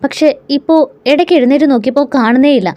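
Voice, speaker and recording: A woman's voice: high voice, fast talker, lo-fi sound, pitched above the performer's own voice, lightly acted. A woman storyteller voicing a worried young wife who speaks anxiously.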